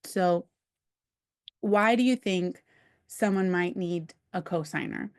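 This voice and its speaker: A woman with a lowish voice leads an online webinar from her computer mic. Her tone is smooth and clear, and she explains things steadily with the odd "um" or "like". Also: slow pace. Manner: steady explanatory delivery with occasional fillers. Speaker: webinar presenter on credit.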